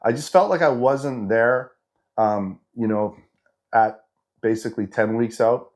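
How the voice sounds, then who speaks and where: With a mid-range, somewhat dark voice and a measured pace, a fifty-something fitness vlogger chats through his update. A head cold leaves him nasal and blocked up. He wanders and restarts frequently, dropping "you know" throughout.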